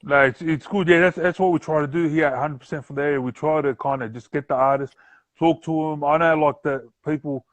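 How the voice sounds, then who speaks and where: A podcast host with a broad New Zealand accent runs a casual interview over a remote live-stream call, using slangy, affirming phrases and saying "bro" a lot. His voice sits on the high side with fairly even intonation, and he talks briskly; there's no room sound.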